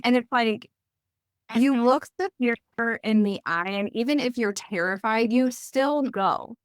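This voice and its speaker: A woman's voice: a little high, measured pace, clean tone, dry recording, studio quality. A young woman hosting a podcast, asking questions in an enthusiastic, chatty way with many fillers. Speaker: podcast host. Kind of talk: casual conversational interview.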